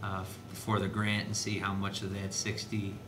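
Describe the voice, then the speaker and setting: A school district administrator reports to the board at a public meeting, speaking low-pitched in a halting, completely flat way. The discussion takes place in an indoor board meeting room. The recording is noisy and echoey, with a low rumble.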